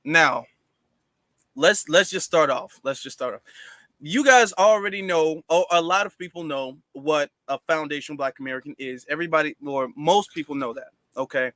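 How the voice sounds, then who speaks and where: Bright-voiced man hosting a livestream. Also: a little high, moderate pace, no room sound. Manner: conversational explaining, frequent fillers and restarts. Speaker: livestream host. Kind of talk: casual livestream talk.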